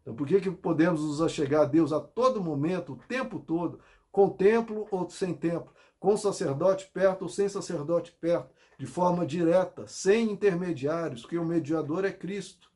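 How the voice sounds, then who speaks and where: A pastor delivers an earnest sermon in a fairly high voice for a man. He leans into scripture, drawing quoted verses out slowly and with weight. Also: darkish tone. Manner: earnest preaching with slow emphatic scripture quotes.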